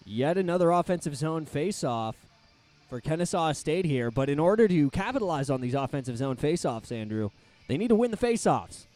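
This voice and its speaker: A young man giving loose, joking color commentary on a college hockey game, dropping his voice low for wry asides. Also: sing-song, normal speed, darkish tone, faint music behind.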